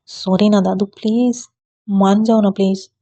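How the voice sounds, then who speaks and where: A woman's voice: mid-range voice, fairly even intonation, measured pace, mellow, natural voice. A woman voicing a pouty young college woman who pleads and sulks in a storybook reading. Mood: pleading sulky. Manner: pleading, sulky.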